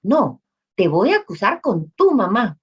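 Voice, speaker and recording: A woman's voice: medium pitch, big pitch swings, a little slow, husky, heavily acted. A woman voicing a desperate five-year-old boy who begs for a miracle in a pleading, urgent voice. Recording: dull lo-fi recording.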